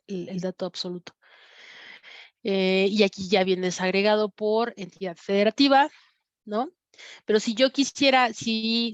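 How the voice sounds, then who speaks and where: A woman with a Mexican Spanish accent teaching an online class, pausing often with fillers and correcting herself as she explains her screen. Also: mid-range voice, dry recording, lo-fi sound. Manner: many fillers and self-corrections. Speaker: course instructor. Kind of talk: screen-sharing lecture on crime data.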